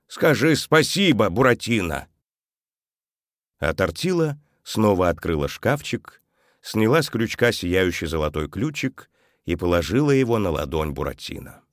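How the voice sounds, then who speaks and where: Male narrator, low voice, calm storybook reading, dry studio. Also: moderate pace, no echo. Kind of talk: audiobook narration.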